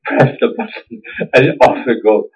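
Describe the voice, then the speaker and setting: A man with a Singaporean accent, a Buddhist teacher, takes his time through a relaxed dharma talk, his medium-pitched, slightly rough voice rising and falling widely. He often chuckles and makes light of himself. The recording is lo-fi and dull.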